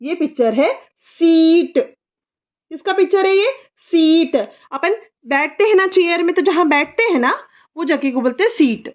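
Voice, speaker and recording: High-voiced mother teaching phonics. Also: lively intonation, muffled recording. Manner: slow, drawn-out sounding of letters and words; patient, repetitive coaxing questions. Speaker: mother teaching English spelling. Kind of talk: phonics lesson for a child.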